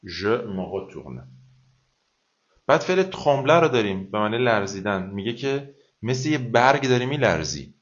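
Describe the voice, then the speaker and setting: A man teaching a live online vocabulary lesson, chatting in Persian and slowly repeating phrases for pronunciation practice. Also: medium pitch, lively intonation, highs cut off. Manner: slow, careful pronunciation drills, repeating each phrase; explains in conversational Persian, mixing French and English phrases. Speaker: French teacher.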